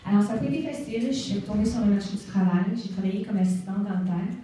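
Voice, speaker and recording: A woman's voice: mid-range voice, fast talker, a little hiss or hum. A woman in her forties from Canada with a Québécois accent, telling her own story to an audience in a chatty way, with many fillers. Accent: Québécois French. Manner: warm, conversational storytelling with fillers. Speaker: guest speaker. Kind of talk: personal testimony speech. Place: event hall. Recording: echoey hall, mic far off.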